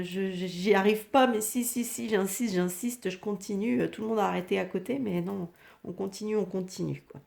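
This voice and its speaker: A woman from France talks through a tarot spread in a loose, hesitant way, stopping often for fillers and restarts. Her voice is mellow and slightly gravelly. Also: mid-range voice. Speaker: tarot reader. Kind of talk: casual tarot reading commentary.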